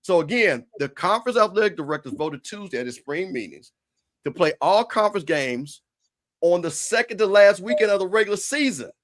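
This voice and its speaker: A man's voice: high-pitched, expressive, brisk. A man hosting a casual sports talk show, brash and scolding as he corrects his listeners. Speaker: show host.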